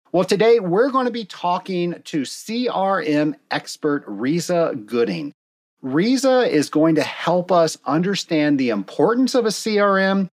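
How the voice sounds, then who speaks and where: Lively high-voiced male podcast host. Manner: upbeat, enthusiastic introductions. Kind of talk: podcast interview.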